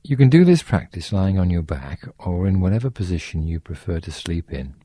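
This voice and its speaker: A man talks listeners toward sleep in a slow, gentle, soothing voice. His tone is very deep and mellow, with a husky grain. The recording is dry and close. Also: very animated, dry recording. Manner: slow, soothing, soft-spoken. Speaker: sleep meditation guide. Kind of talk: guided sleep meditation.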